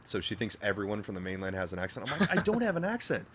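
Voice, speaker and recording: Over a noisy background, a man with a fairly low voice and a quick pace co-hosts a casual podcast. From Northern Virginia with a general American accent, he swears and jokes crudely and animatedly with his co-host.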